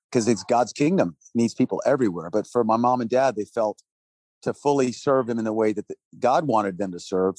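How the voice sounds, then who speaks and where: A man in his sixties from Texas, raised in Thailand, who leads a relief organization, gives conversational interview answers as a guest. His voice is on the low side and darkish, earnestly telling his story, listing his points and chuckling between phrases, in a dry recording.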